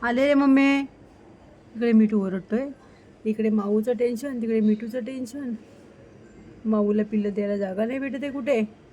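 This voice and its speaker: A woman's voice: fairly high pitch, fairly even intonation, normal speed, long pauses, dark tone, a little hiss or hum, poor audio. Coaxing woman talking to her cat. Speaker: vlogger caring for a pregnant cat. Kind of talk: casual late-night home vlog. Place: home, by a window at night.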